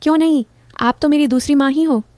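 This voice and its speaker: A man's voice: very high voice, fairly even intonation, brisk, darkish tone, dry recording, pitched above the performer's own voice. Woman voicing a coaxing young son-in-law.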